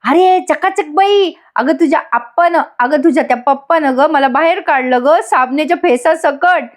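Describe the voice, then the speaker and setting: A woman voicing a loud, melodramatic young husband from a soap. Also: high-pitched, normal speed, pitched above the performer's own voice, lightly acted. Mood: dramatic.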